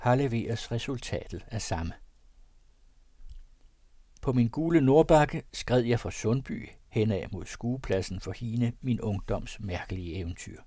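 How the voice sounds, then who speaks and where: A man reads an old first-person tale with theatrical flair, jumping from loud exclaims to hushed asides. His voice sits in the middle range, and the sound is dry and close. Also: medium pitch, expressive, no room sound. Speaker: audiobook reader.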